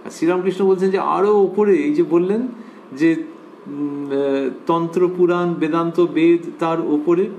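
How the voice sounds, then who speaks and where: A man lecturing on scripture in a measured, reflective devotional talk, repeating key phrases and pausing with drawn-out fillers. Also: on the high side, steady tone, darkish tone, a little hiss or hum.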